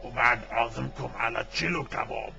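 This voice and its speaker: A man with a Bahraini Gulf Arabic accent voicing a scheming, gravelly cartoon villain in a comic dub. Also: mid-range voice, fairly quick, bright, forceful tone, lo-fi sound, soft background music, exaggerated voice. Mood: sly, promising. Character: scheming villain bargaining with the Smurfs.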